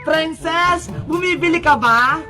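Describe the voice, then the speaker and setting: An earnest, polite little girl running a tiny snack shop, as a woman puts her on. The voice is high and bright, with loud music behind it. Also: a little slow. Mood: eager. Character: hardworking sweet little girl shopkeeper. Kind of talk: comic skit acting.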